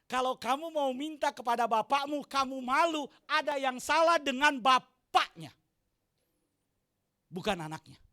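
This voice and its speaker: A man preaches a sermon in a church hall. His voice sits very high and sounds forceful and bright. He rises to shouts for emphasis, then asks the congregation questions and jokes with them. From Indonesia. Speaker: pastor.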